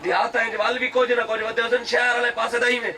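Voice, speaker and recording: A man giving an impassioned sermon, telling stories and preaching with fervor, rising now and then to shouts. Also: very high-pitched, flat delivery, recorded from a distance, a little hiss or hum. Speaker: pir addressing a religious political gathering.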